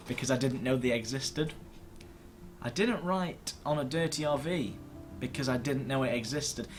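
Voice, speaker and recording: With a slightly high voice and some faint background noise, a man hosts a gaming video series from his computer indoors. He rambles casually to camera, poking fun at himself and swearing mildly.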